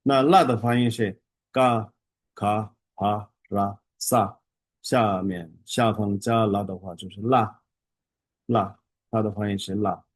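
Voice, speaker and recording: Male teacher with a lowish voice, dry sound, drills syllables slowly with halting fillers. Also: steady tone, no room sound. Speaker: Tibetan language teacher. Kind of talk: online beginner lesson.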